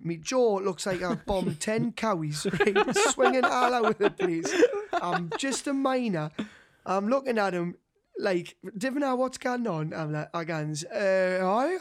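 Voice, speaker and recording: A young man with a Geordie accent telling an anecdote casually to friends, slangy and sweary, acting out what people said. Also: high-pitched. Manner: sweary, slangy, animated storytelling that acts out quoted dialogue.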